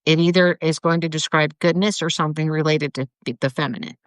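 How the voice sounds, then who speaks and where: A woman in casual chat, explaining slowly with many restarts and fillers. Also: sits low, steady tone, no echo. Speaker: co-host.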